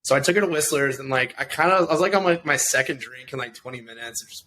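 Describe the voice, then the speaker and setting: Fast-talking man in his thirties, bright. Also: mid-range voice. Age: 30s. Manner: loose, profane, rambling with many fillers. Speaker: podcast guest. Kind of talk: casual storytelling chat.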